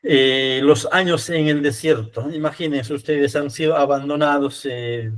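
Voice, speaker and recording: Peruvian priest lecturing with rhetorical questions. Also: male voice, on the high side, fairly even intonation, a little slow. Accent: Peruvian Spanish. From Peru. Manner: rhetorical questions, frequent tag questions. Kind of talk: conversational lecture to church readers.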